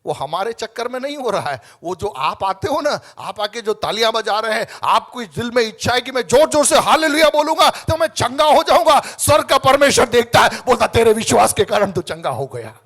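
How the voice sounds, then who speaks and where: A man preaching a fervent sermon as pastor, moving from quiet asides to loud calls for the congregation to answer back. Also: extremely high pitch, expressive, fairly quick, hardly any pauses. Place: church hall.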